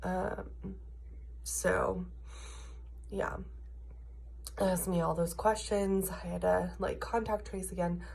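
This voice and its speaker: An American video diarist in her early thirties, ill with a cough and congested sinuses, delivers a casual, frustrated, emphatic personal rant. Her lowish voice is steady and darkish with vocal fry and a breathy edge, spoken slowly with long pauses.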